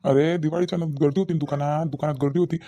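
A man voices a defensive, irritable village husband and father in a comedy cartoon, speaking with a rural Maharashtrian accent from Vidarbha in Marathi. Irritated and self-justifying, he argues and repeats himself very fast, in a fairly high but gravelly, dark voice with fairly even intonation.

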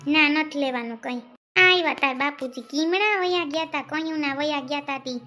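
A high-voiced nagging village mother. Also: moderate pace. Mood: scolding. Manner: nagging, loud scolding. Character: scolding older village mother, sharp-tongued.

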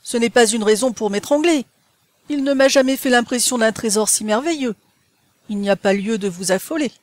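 A woman voicing an irritable, haughty young gentleman who speaks curtly, in a dry audiobook recording. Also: a little high, normal speed, no echo, lightly acted. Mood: peevish. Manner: curt, peevish.

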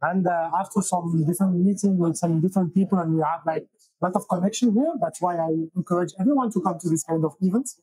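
A man from Belgium in his thirties, speaking in a high, husky voice with a warm, dark tone. He talks haltingly, restarting often. Dry, close sound from a lapel mic. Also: no echo, low-quality recording. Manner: halting, many restarts and fillers. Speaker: guest, software engineer and founder. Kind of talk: casual interview. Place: small wood-paneled room, indoors.

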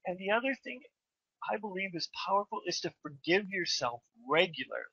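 Bright-voiced earnest woman host. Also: on the low side, lively intonation, brisk, husky, dry recording. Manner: earnest, restarts questions often. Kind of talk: spiritual interview talk. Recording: dull, muffled lo-fi sound.

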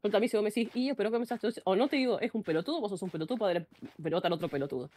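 A woman's voice: mid-range voice, rapid-fire, dark tone. Blunt ranting woman, Argentine Spanish accent. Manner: blunt, ranting, frequent self-interruptions. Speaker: streamer. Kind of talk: casual live-stream chat.

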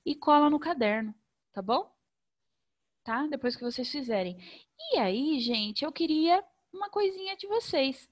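A Brazilian woman teaching young children remotely, sing-song and slow, stretching out sounds so they can follow. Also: high voice, animated. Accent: Brazilian Portuguese. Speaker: primary school teacher.

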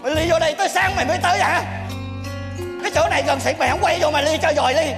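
A man with a Southern Vietnamese accent plays an exasperated troupe master, scolding and shouting in a live stage comedy sketch. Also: very high voice, rapid-fire, long reverb tail, music in the background. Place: theater stage.

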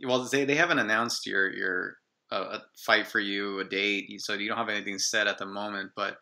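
Male podcast host on earphone mic, bright tone, easy questions. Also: fairly low pitch, moderate pace, vocal fry. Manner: frequent short backchannels, relaxed questions. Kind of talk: casual interview. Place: small room indoors. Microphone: earphone headset on video call.

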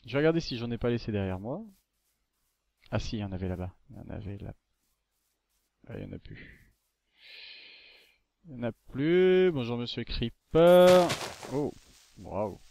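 A man's voice: mid-range voice, sing-song, normal speed, creaky, pauses often, mellow, muffled recording. A man casually narrating a video game as he plays, chatty and rambling, coaxing the creatures on screen. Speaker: gaming YouTuber. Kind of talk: casual let's-play commentary. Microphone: desktop microphone.

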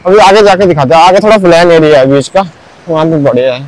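A young vlogger narrates a casual sunrise walking tour of a beach, chatty and full of fillers, repeatedly saying "bhai" and "matlab". His voice is a little high and slightly mellow, he talks quickly, and the recording is rough.

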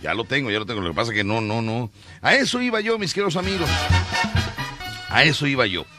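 A Mexican man hosts a comedy radio show, telling jokes and stories with a very lively, up-and-down voice. He restarts his sentences often and keeps things playful. Music plays clearly behind him. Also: mid-range voice, quick pace. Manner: joking, lively storyteller with many restarts. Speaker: radio host. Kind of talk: comic morning radio talk.

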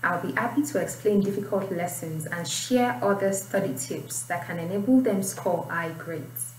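Speaking at a moderate pace and medium pitch, a young adult woman with a Nigerian accent gives an informal IELTS writing tutorial, explaining and reading passages aloud. She's recorded in a small indoor room on a distant mic, roomy and faintly noisy.

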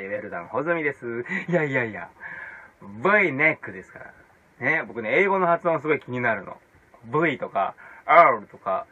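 A male comedian hosting his own video blog, talking in a casual comic monologue and jumping into loud mock-English shouts. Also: mid-range voice. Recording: dull lo-fi sound.

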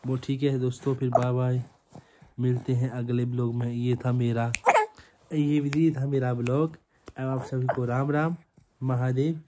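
A man's voice: medium pitch, flat delivery, measured pace, background noise. A man with a Himachali accent filming a casual family vlog at home, playfully teasing and coaxing his baby son.

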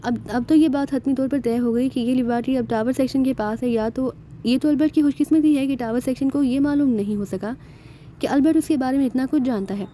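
A man's voice: very high voice, fairly quick, mellow, a little hiss or hum. A woman voicing a clever male secret agent who asks questions in a polite, innocent-seeming way. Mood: inquisitive.

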